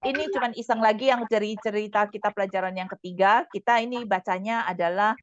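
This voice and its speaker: A woman's voice: mid-range voice, fairly even intonation, fast, no echo, lo-fi sound. A woman teaching a Mandarin lesson online, explaining patiently with frequent "eh" fillers.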